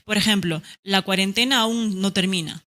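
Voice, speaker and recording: A woman teaching a grammar lesson online, lively and acting out example sentences, checking in with "¿ya?". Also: medium pitch, moderate pace.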